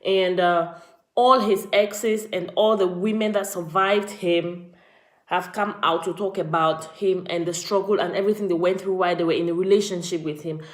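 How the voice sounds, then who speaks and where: A woman's voice: fairly low pitch, fairly even intonation, moderate pace, roomy sound. A woman from Cameroon, chatting on a live vlog stream and greeting viewers by name. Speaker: vlogger. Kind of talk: casual live-stream commentary.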